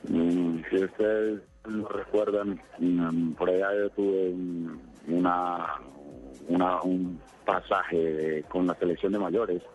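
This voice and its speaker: A middle-aged football coach from Colombia giving a phone interview on sports radio, halting and reflective, with many pauses and fillers. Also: male voice, low voice, steady tone, muffled recording, faint music behind.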